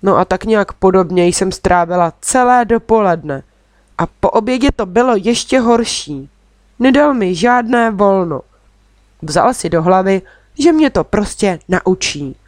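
Woman audiobook reader, expressive storytelling, close dry recording. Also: medium pitch, dry recording. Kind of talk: storybook narration in first person.

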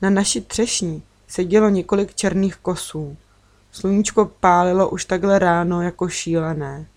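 A woman reading a children's book aloud in a calm, measured storytelling voice. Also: fairly low pitch. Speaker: narrator.

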